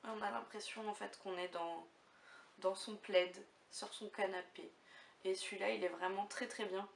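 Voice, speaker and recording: A young woman chats to the camera about her favourite things, with a chatty, halting delivery full of little fillers. Her voice sits at a middling pitch and sounds a little far from the mic in an echoey room. A faint hiss runs underneath. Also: fairly even intonation, creaky. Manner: chatty, hesitant with many fillers. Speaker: beauty vlogger. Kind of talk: casual chat to camera. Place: room at home.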